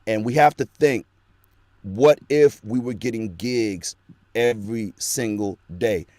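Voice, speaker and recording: A voice actor, interviewed as a guest in a casual conversation, tells stories earnestly and at length, rambling as he goes. His voice is fairly low, slow, and warm. The recording is dry and made in a small home studio.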